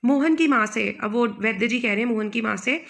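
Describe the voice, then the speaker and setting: Young woman, teacher, slightly high voice, gravelly fry, expressive reading, explains line by line. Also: brisk. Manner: reads dialogue expressively then explains in mixed Hindi and English. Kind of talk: reading a lesson aloud and explaining.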